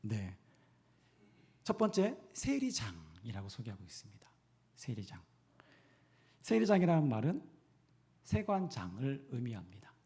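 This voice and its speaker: A male pastor from the Gyeongsang region preaches a sermon in church and keeps asking the congregation questions. His delivery is animated, with wide swings in pitch. His voice is dark and mellow. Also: measured pace, long pauses. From Gyeongsang region, Korea.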